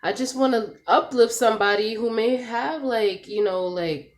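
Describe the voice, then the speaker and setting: A woman's voice: a little high, normal speed. A young woman vlogging to camera in a candid, chatty way, sounding a little congested from a cold. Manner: chatty and candid, says "like" and "y'all" a lot. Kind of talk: casual talk to camera. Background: music, dog noise.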